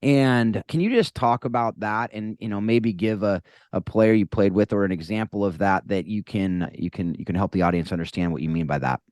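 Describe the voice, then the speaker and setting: A man's voice: fairly low pitch, a little fast, a little mellow, no echo, studio quality. A man hosting a podcast, talking casually with many restarts and asides. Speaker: podcast host. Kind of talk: casual interview chat.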